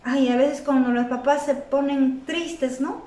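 A woman tells a Bible story to children, checking in with them through frequent questions. Her voice is high and sounds distant in a roomy, echoing space. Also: steady tone, measured pace, warm tone. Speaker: children's club Bible teacher. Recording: echoey room, voice from a distance.

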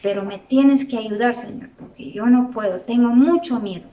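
A woman voicing a poor, timid young man who doubts himself and pleads with a halting, stammering manner, in a story for children. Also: a little high, mellow, distant mic, highs cut off, slight background noise, natural voice. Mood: pleading. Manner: hesitant, pleading, stammers a little. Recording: roomy echo, from off the mic.

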